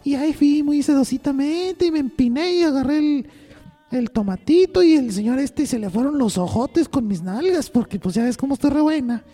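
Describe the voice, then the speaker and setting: A high-pitched woman with a Mexican accent spins a crude comic story on the radio, swearing freely and rambling along. Her voice rings out in a reverberant studio. Faint music plays underneath. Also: lively intonation, moderate pace, dark tone. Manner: crude, profane, rambling, full of slang. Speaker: on-air storyteller.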